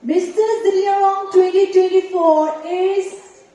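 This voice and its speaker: A woman hosting a pageant live on stage, announcing in a pumped, projecting voice with drawn-out suspense. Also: extremely high pitch, fairly even intonation, mellow, highs cut off. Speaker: pageant host announcing contest winners. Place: large echoing event venue with audience. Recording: echoey hall PA from far off, crowd.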